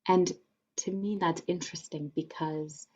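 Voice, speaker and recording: A woman's voice: sits low, fairly even intonation, unhurried, dark tone, breathy edge, muffled recording. A woman leading a theater company presentation, explaining spellings and reading sonnets aloud in a casual, filler-filled way. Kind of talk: informal lecture with readings of sonnets.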